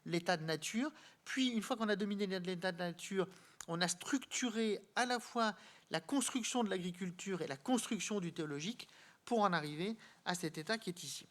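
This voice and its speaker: Lecturing live on art history, this man addresses the audience directly in a high, fairly bright voice. His delivery is halting, with frequent repeats as he hunts for the right words.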